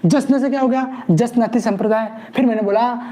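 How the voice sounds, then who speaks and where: A man's voice: extremely high pitch, brisk, dark tone. A man teaching an exam-prep class, playfully asking questions and answering them himself while drilling memory tricks. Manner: playful call-and-response, repeats each key word with mnemonic stories.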